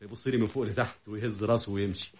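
An actor with an Egyptian accent playing an anxious, jealous young doctor in a vintage radio drama, fretful and sometimes shrill. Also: male voice, steady tone, very fast, lightly acted. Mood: gloomy. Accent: Egyptian Arabic. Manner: fretful, turns bitter and shrill.

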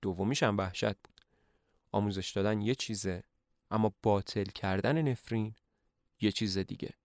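A man's voice: on the low side, steady tone, a little mellow, no echo, clean studio sound, voice pushed down, natural voice. A man voicing an earnest young male teacher in a narrated play, polite and a little hesitant.

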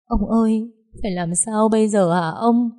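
A woman's voice: fairly low pitch, normal speed, dark tone, natural voice. A woman voicing a grief-stricken older mother-in-law who wails and laments in an audiobook story. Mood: wailing despair. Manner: wailing, lamenting.

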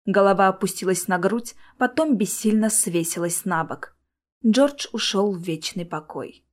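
A woman reading a first-person audiobook in a steady, tense storytelling manner. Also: medium pitch, a little slow. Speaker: audiobook narrator.

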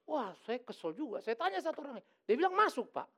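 A middle-aged male pastor preaching a lively, joking sermon in church. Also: very high-pitched, fast talker. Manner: lively, joking, acts out quoted voices.

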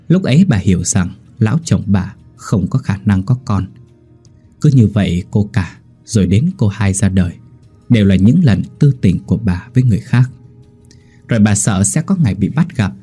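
A man tells a scripted horror story in a steady, grim delivery. His voice sits low and dark with a husky grain, and faint music plays underneath.

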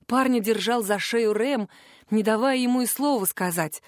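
A woman's voice: a little high, normal speed, no echo, clean studio sound. Woman narrating a first-person audiobook.

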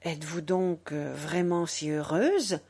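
Woman voicing troubled young man, low hushed voice, slow. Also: fairly even intonation. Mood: moved. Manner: lowered, hushed voice.

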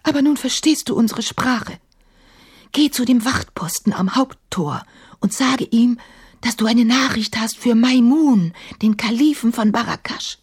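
A woman's voice: fairly high pitch, a little slow, husky, voice pushed up, heavily acted. A woman voicing a sentimental, apologetic male genie who whispers and murmurs secretively, in a radio drama reading. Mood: contrite.

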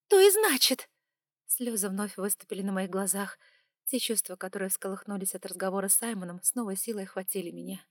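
A woman narrates a first-person audiobook in a steady, measured, intimate read. Her voice sits in a middle register and is recorded dry and close with no room sound. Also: medium pitch, no room sound.

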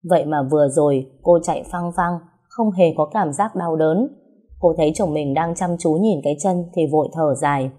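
A woman narrating a story in a steady, even way. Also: low-pitched, normal speed.

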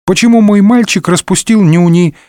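Man doing a scheming seductive lady, cooing, teasing, pitched up, lively swings, dry close sound. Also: normal speed, dry recording. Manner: cooing and teasing, coldly sly in asides. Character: scheming seductive noblewoman, mocking.

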